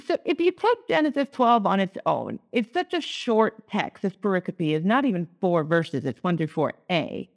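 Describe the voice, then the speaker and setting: Woman, podcast co-host, casual teacherly chat, very lively pitch. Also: normal speed, creaky, hardly any pauses. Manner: animated, chatty, teacherly.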